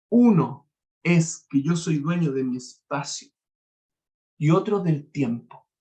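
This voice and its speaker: A middle-aged Chilean man, a university lecturer, giving a lively talk and acting out little scenes in a raised voice. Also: fairly high pitch.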